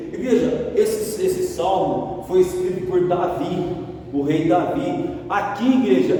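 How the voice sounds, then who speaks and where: A man's voice: high-pitched, warm tone, a little hiss or hum. A man preaching a fervent sermon, often calling out to his congregation. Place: church hall. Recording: echoey church hall from far off.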